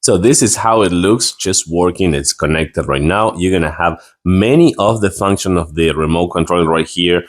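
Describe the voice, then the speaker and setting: A man's voice: sits low, normal speed, few pauses. A man giving a casual product review and demonstration in a rambling, repetitive way.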